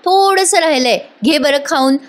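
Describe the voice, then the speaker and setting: A woman voicing a sweet, caring young woman who gently coaxes a child into eating and talking. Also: sits high, moderate pace, pitched above the performer's own voice, natural voice. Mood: coaxing. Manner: coaxing, gentle.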